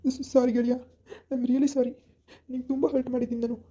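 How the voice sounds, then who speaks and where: A woman's voice: high-pitched, flat delivery, dark tone. A woman playing Subhash, a tearful guilt-ridden husband. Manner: halting, stammering pleas. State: crying. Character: grieving young husband, guilt-ridden, fleeing. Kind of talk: amateur village drama acting.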